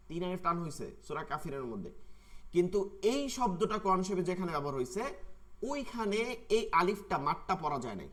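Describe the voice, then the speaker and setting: A man, teaching an online tajweed class and patiently repeating words slowly to show their pronunciation. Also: high-pitched, a bit bright. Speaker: Quran recitation teacher.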